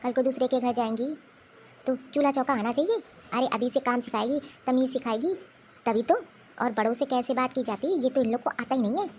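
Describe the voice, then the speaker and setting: A woman voicing a sharp-tongued, scornful older grandmother in a cartoon who taunts her granddaughters. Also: high-pitched, brisk, slight background noise, natural voice. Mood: scolding. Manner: scolding, taunting. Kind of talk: cartoon voice acting.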